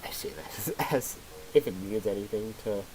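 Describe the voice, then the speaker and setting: With noise in the background, a game streamer talks at a moderate pace in a lowish voice through a headset microphone. The young man's voice hasn't quite recovered from a recent illness, and his livestream chatter is rambling and self-mocking.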